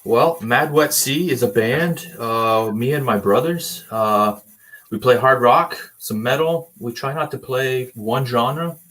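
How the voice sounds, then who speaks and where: A man's voice: medium pitch, slow pace, a bit bright. A young man from Canada, a band member guest, talking about his music in a laid-back, easygoing way with lots of filler words. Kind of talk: casual interview chat.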